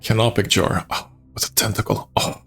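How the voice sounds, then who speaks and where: Over soft background music, this streamer gives relaxed, enthusiastic commentary on a horror game, chuckling with his viewers. His voice is fairly low, steady, slightly bright, and at normal speed.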